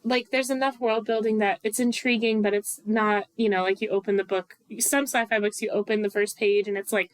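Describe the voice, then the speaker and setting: A woman's voice: medium pitch, steady tone, fairly quick, few pauses, no echo. This is a woman co-hosting a casual podcast, with a mid-range voice. She sounds chatty and enthusiastic, and she strings her thoughts together with lots of fillers. The recording is dry and close, with no room sound. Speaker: podcast co-host.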